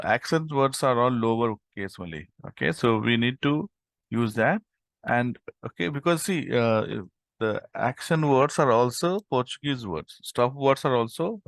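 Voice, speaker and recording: A man's voice: medium pitch, gravelly, dry recording. A man teaching a live coding tutorial over an online call, explaining step by step with frequent "okay" and "right?". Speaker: instructor.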